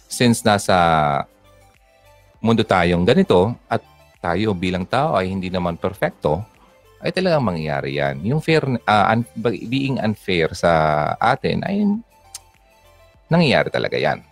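Deep-voiced man giving fatherly advice. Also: very animated, a little slow, pauses often, faint music behind. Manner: fatherly, mixes English into Tagalog. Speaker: advice host. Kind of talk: casual advice talk to a listener.

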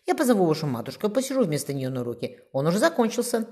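A woman voicing a shy, quiet noble lady in an audiobook. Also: on the low side, sing-song, racing, pitched above the performer's own voice. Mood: polite. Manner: quiet, polite.

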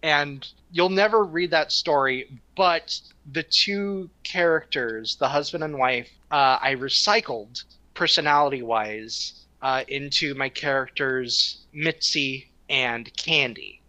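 Thirties woman on a podcast, slow and bright, swears a lot, lots of um and like. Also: extremely low pitch, poor audio. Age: 30s. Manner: loose, profane storytelling with many fillers. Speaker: podcast co-host and writer. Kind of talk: casual podcast chat.

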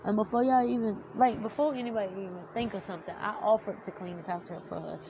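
Her voice nasal and close to tears, a young woman vlogger tells a storytime rant to camera with heated, heavy swearing. She speaks fast at a medium pitch with fairly even intonation. The recording is muffled, and background noise is noticeable.

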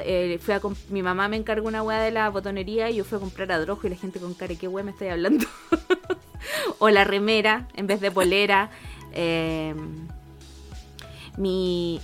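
A woman's voice: medium pitch, fairly even intonation, moderate pace, faint music behind. A woman in her thirties with a Chilean accent, co-hosting a podcast in casual slangy chat and laughing often. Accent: Chilean Spanish. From Argentina, raised in Chile. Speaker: podcast co-host.

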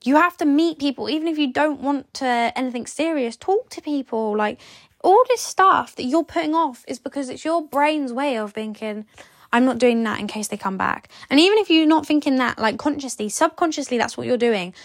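A woman's voice: high voice, lively intonation, fairly quick, no echo, studio quality. A young woman hosting a podcast, giving blunt, sleepy, chatty breakup advice with lots of "like" and some swearing. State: sleepy, yawning. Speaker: podcast host. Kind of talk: casual advice monologue.

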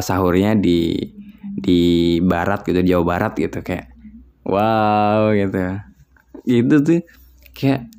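A man's voice: fairly low pitch, mellow. A young man from West Java in a casual solo chat, rambling and musing aloud with lots of filler words. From West Java, Indonesia.

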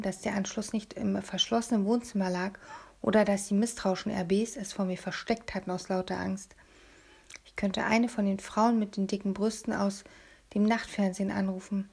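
A woman reading a first-person audiobook in a hushed, confiding manner, often dropping to a half-whisper. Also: medium pitch, creaky, husky. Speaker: audiobook reader.

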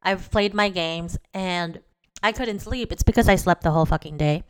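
A woman's voice: lowish voice, normal speed, clean tone. A woman in her twenties hosting her own podcast, chatting candidly and profanely, full of slang, laughing at herself and calling her listeners guys. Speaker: podcast host. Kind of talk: casual confessional podcast chat.

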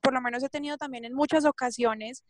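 A woman speaks with eager, animated enthusiasm in a casual radio chat. Her voice is high, and the sound is dry and close, with no room around it. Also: quick pace, dry recording.

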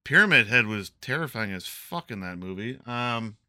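A man hosting a podcast, talking in casual, profane, animated chat. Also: medium pitch, moderate pace, crowd noise. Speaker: podcast host.

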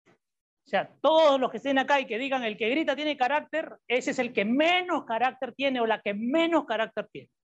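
In a dull lo-fi recording, a female preacher and psychologist reads from the Bible during her sermon. She speaks at normal speed in a high voice, restating key points and asking the congregation questions.

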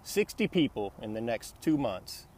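A man voicing a blunt, humorless male construction manager who speaks flatly. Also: medium pitch, a little slow, slight background noise. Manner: flat, humorless.

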